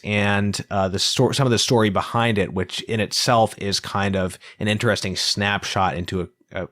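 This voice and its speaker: A man's voice: fairly low pitch, fairly bright tone, dry recording. A man hosting a podcast, presenting and discussing in a conversational way. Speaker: podcast host.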